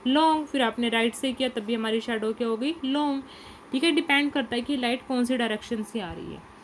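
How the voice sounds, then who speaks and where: A woman teacher who explains a lesson to young children, reading each English line slowly and then asking and answering her own questions in Hindi. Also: fairly high pitch, a little hiss or hum, low-quality recording.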